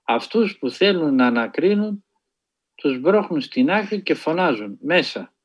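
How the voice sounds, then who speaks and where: A man telling a spiritual story in a sermon style, earnest and measured, with dramatic pauses. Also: fairly high pitch, big pitch swings. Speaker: preacher.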